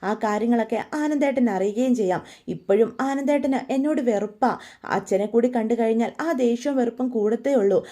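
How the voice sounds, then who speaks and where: A woman's voice: on the high side, brisk, dark tone, close to an everyday voice. A woman voicing a guilt-ridden young wife who reproaches her scheming father. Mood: reproachful.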